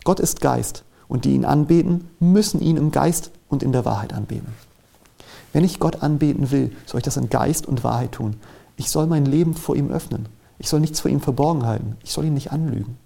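Gravelly, dark-toned German preacher. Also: male voice, mid-range voice. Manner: earnest, measured preaching, reads scripture aloud with rising emphasis. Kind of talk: sermon.

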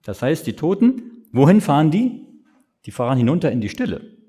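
Husky-voiced male preacher, question and answer. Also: fairly high pitch, big pitch swings, mellow. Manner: explains slowly, asks questions and answers them himself. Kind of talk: sermon.

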